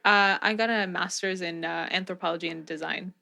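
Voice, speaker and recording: A woman's voice: on the low side, steady tone, brisk, vocal fry, sharp tone. A young woman in her twenties from Southern California and Mexico, chatting easily as an interview guest and filling her talk with "like" and "um". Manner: easygoing, frequent "like" and "um" fillers, laughs often. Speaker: guest, volunteer. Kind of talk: casual interview chat.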